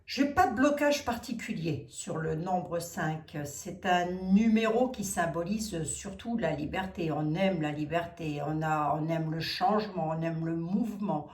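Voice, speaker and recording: A woman's voice: on the low side, a little slow, few pauses, a little mellow, far from the mic. Chatty Lorraine-accented woman reading tarot. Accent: Lorraine French. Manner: chatty, teasing, laughs at herself. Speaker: tarot reader. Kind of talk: casual monologue to viewers. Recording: roomy sound from away from the mic.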